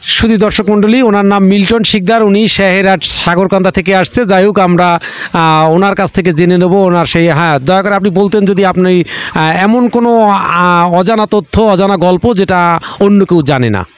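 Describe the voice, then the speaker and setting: A stiffly formal game show host, played by a man, announcing contestants in rehearsed, repetitive phrases. His voice is high for a man and recorded dry and close, with no room sound. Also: moderate pace, clear, resonant tone, no echo, close to an everyday voice. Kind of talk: mock game show hosting.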